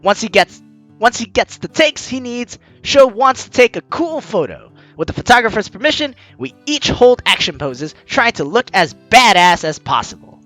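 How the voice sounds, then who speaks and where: A sing-song, medium-pitched let's player talks at a moderate pace in a fairly bright tone on a dry recording. Over game music, he gives jokey, teasing commentary and reads the story aloud.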